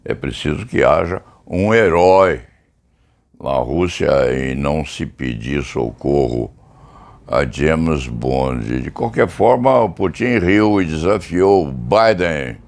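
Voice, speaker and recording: An older Brazilian man with a São Paulo accent tells an unhurried story that wanders from one point to the next. His voice is very low and full of gravel. He talks about himself in the third person, wry and amused. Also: animated. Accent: Brazilian Portuguese, São Paulo. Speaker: criminal lawyer commentator. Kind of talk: reflective storytelling monologue.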